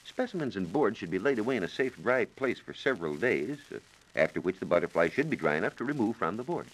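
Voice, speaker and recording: On a rough, slightly hissy 1940s radio recording, a male science reporter explains things methodically and quickly. His voice is low but moves animatedly across a wide pitch range, and his phrasing is careful and formal.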